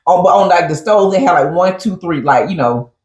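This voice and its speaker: Woman co-host, lively chatty storyteller, pitch swinging all over, echoey room. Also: brisk, highs cut off. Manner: animated storyteller who acts out quotes and keeps saying "honey". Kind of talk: casual chat recapping a reality show.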